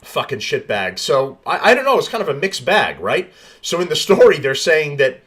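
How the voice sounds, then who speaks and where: This podcast host sounds high-pitched, fairly bright and very animated, talking at normal speed while reading the news aloud. He layers on blunt, profane commentary, restarting frequently and rambling in asides.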